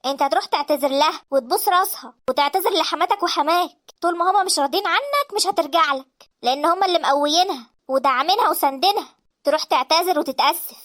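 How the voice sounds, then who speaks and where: Woman voicing a reproachful Egyptian mother for a cartoon drama, rapid and high-pitched. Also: fairly bright tone. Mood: scolding. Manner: lecturing and reproachful. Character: stern older mother-in-law, fair-minded. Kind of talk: animated drama dialogue.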